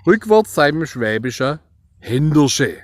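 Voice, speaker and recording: A man with a Swabian accent presents a dialect lesson in a fairly high, very animated voice. He explains things playfully and addresses his viewers directly. The recording is close and dry. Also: unhurried, dry recording. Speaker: dialect teacher. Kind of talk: scripted language lesson to viewers.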